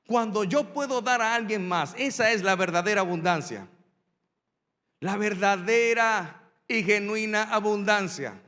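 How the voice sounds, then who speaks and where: A man preaching a sermon as a pastor, telling a story and then driving the lesson home with repetition and dramatic pauses. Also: sits high, a bit bright, long reverb tail.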